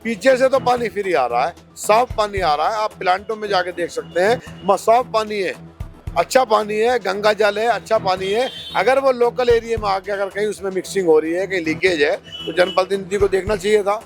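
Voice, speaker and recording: A man with a rather high voice defends his party in an interview. He argues steadily and leans on rhetorical questions. Faint music plays underneath. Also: brisk. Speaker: politician, candidate. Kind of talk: interview answers.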